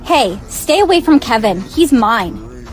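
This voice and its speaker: High-voiced woman acting a dramatic skit. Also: big pitch swings, measured pace, soft background music. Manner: dramatic, exaggerated delivery. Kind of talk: acted comedy skit.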